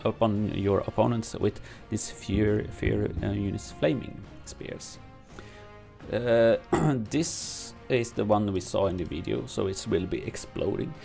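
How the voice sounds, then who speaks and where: Reading game patch notes aloud from his home streaming room, a gaming streamer who isn't a native English speaker adds his own commentary. His voice is on the low side, with vocal fry and a darkish tone, and he halts often, filling gaps and restarting sentences.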